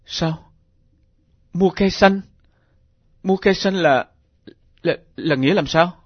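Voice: medium pitch, no room sound, lo-fi sound. An actor voicing a shaken middle-aged professor and father who stammers, in a radio drama. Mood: questioning. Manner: halting, stammering.

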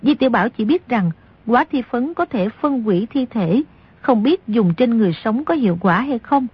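A woman narrates an audiobook from a script, telling the story at a steady, moderate pace. Her voice sits on the high side with a breathy edge, and the recording sounds slightly dull.

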